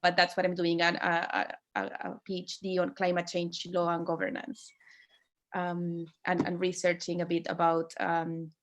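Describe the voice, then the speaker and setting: A woman from Chile with a Chilean accent and native Spanish, introducing herself as an academic panelist, haltingly searching for phrasing. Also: fairly low pitch, completely flat delivery. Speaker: panelist, environmental law academic.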